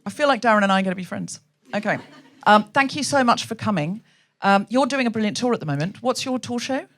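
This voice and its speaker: Animated woman hosting live comedy. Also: medium pitch, fast talker. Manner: teasing. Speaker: podcast host, comedian.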